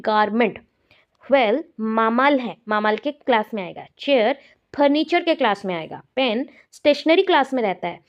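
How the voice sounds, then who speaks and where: A woman's voice: high voice, highs cut off. A woman teacher from India giving an exam-prep lecture, explaining terms step by step and repeating the key words.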